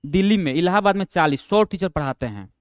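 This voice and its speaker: A young man teaching an online class, chatting through his stories in a high, smooth voice. He laughs easily at himself and drops into a low mumble when he quotes others. The sound is close and dry, with no room in it. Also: expressive, fast, dry recording. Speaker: online exam-prep teacher. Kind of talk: casual classroom storytelling.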